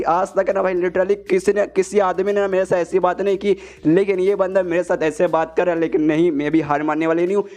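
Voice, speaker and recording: Fast-talking man in a slangy recap. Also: high voice, a little mellow. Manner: slangy, keeps saying "bhai" and "na". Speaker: comic recap narrator. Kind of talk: casual storytelling recap.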